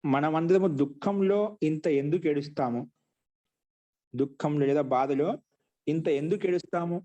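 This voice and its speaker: A man teaching Sanskrit grammar in an online class, repeating each phrase slowly so students can write it down. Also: a little high, mellow, dull audio.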